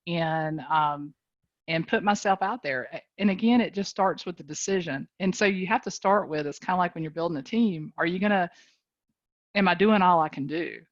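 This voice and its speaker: A woman with a warm North Carolina drawl speaks low and folksy, laughing easily as she encourages her listeners. She is on a video call, and her voice sounds dry and a little dull. Her talk is casual, motivational chat. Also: normal speed, no room sound. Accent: Southern US, North Carolina. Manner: folksy, animated, laughs often. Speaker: guest speaker, business leader.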